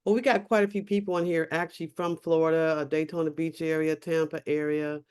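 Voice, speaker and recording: A woman's voice: low-pitched, flat delivery, brisk, darkish tone, smooth. A woman hosting an online meeting, friendly and chatty, inviting questions. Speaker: meeting host. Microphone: video call.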